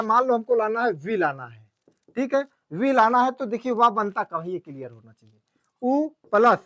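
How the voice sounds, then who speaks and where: A man's voice: very high voice, a bit bright, no echo. Man teaching grammar step by step. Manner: explains step by step, keeps checking students follow. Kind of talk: classroom lecture.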